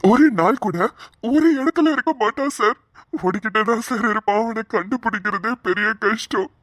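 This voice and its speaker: A woman's voice: on the high side, fairly bright tone, dry recording, studio quality, lightly acted. A woman voicing a young man in a cartoon, an elder brother who pleads tearfully for his little brother. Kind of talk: cartoon voice acting.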